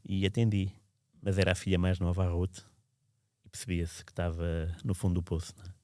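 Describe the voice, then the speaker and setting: Low-voiced man. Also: level tone, fairly quick, a little mellow, no room sound, studio quality. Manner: reflective, meandering, frequent restarts. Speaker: podcast storyteller. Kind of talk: casual spoken recollection.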